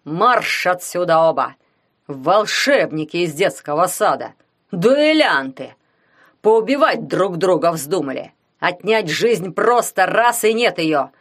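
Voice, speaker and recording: A woman voicing a furious, gruff old male coach who shouts and scolds, in a low voice. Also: lively intonation, takes it slowly.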